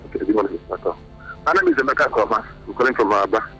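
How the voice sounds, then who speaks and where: A man's voice: lowish voice, wildly swooping pitch, racing, pushed and bright, soft background music, low-quality recording. A man calling into a radio show and speaking emphatically. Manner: emphatic, building into heated speech. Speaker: radio caller. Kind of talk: phone-in call.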